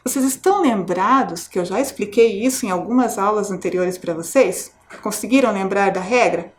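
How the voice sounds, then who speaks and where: A woman teacher with a Brazilian Portuguese accent giving a televised lesson to children, explaining slowly and clearly, syllable by syllable, and checking in with questions. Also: medium pitch. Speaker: primary school teacher.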